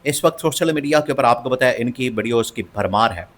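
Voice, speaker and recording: A man's voice: medium pitch, fairly quick, fairly bright tone, a little hiss or hum. A man giving opinionated political commentary, emphatic and scornful, and he repeats phrases for stress.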